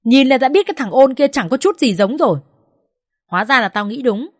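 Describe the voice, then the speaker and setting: A woman's voice: mid-range voice, lively intonation, moderate pace, dry recording, clean studio sound, lightly acted. A woman voicing a furious, abusive older mother-in-law who shrieks insults. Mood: enraged.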